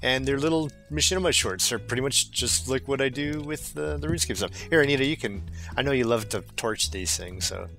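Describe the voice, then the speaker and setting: A man's voice: medium pitch, brisk, vocal fry, over music. A young man hosting a casual group chat, reading viewer mail aloud in a playful way and laughing often.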